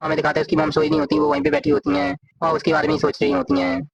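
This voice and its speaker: A man narrating a comic story in a casual, rapid, run-on retelling, reading the characters' lines aloud as he goes. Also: extremely high pitch, very animated, highs cut off.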